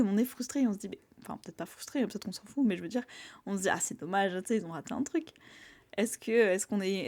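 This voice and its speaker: Young woman, quick chatty delivery, acts out quotes in passing; casual reflective monologue. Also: mid-range voice, darkish tone. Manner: chatty, lots of fillers and acted-out quotes. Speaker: vlogger sharing reflections.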